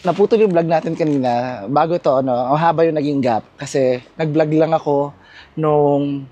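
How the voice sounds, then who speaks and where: A young man from the Philippines vlogging casually to camera from his lodging, telling a travel story in an animated way with laughs. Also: a little high, moderate pace, muffled recording, a little hiss or hum. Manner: chatty, animated storytelling with laughs and self-mocking asides. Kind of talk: casual vlog talk to camera.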